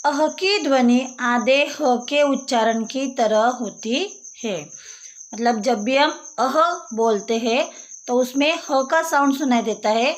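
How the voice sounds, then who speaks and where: A woman teacher talks a young class through a textbook page. She speaks slowly and patiently, repeating and explaining each word. Her voice sits high, and crickets chirp faintly behind her.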